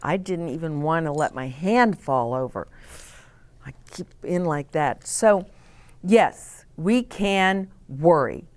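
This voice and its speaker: A woman with a low voice and lively intonation hosts story time for young children, taking her time as she reads aloud with dramatic emphasis. She explains things simply and asks questions of her listeners.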